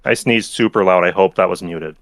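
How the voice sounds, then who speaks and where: A man's voice: deep voice, a little fast, fairly bright tone. A man joining a livestream as a guest, easygoing and thoughtful, chuckling between points. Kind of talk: casual livestream chat.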